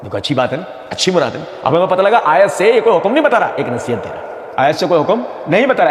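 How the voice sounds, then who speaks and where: A man giving argumentative religious commentary, mocking and repeating phrases for emphasis. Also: on the high side. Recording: echoey room with long reverb.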